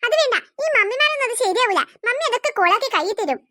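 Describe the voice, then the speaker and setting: A mischievous cartoon boy, voiced by a woman, talking. The voice is very high and bright, recorded close and dry. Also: lively intonation, fast, no room sound, exaggerated voice. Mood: secretive. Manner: hushed, conspiratorial. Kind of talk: cartoon voice acting.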